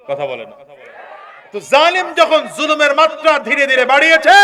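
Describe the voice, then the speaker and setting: A man preaching to a large gathering. He calls on the crowd to answer loudly and swings between shouting and low asides. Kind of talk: sermon.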